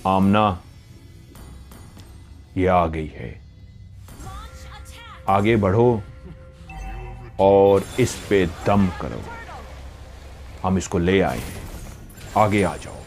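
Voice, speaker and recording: Bossy young fairy woman in a spoken horror story, played by a man, low and firm. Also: pauses often, a little mellow, faint music behind. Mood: commanding. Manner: bossy, commanding. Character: commanding, sweet-voiced young fairy woman.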